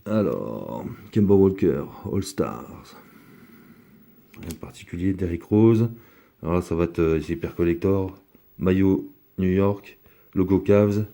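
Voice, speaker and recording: A man's voice: low-pitched, expressive, unhurried, gravelly, dark tone. A man giving casual, rambling commentary as he opens a box of trading cards, talking with many fillers. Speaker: card collector opening a box.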